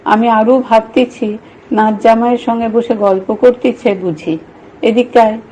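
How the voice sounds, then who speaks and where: A woman's voice: a little high, fairly even intonation, measured pace, dark tone, slight background noise, close to an everyday voice, low-quality recording. A woman voicing a teasing old village milkwoman who talks in rustic dialect and scolds in banter.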